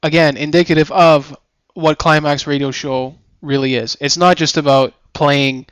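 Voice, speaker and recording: A man's voice: on the high side, steady tone, normal speed, fairly bright tone, clean tone, no room sound, rough recording. A man co-hosting a casual podcast-style radio show, talking in a laid-back, rambling, joking way.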